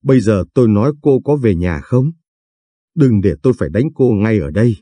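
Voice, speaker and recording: Man as gruff bossy husband, low dark voice, dry sound. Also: animated, brisk, dry recording. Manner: curt, bossy. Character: cheating husband, gruff and short-tempered.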